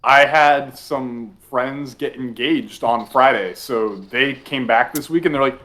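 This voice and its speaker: A man co-hosting a casual esports stream chat, telling stories in an animated way. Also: medium pitch, slow. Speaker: co-host.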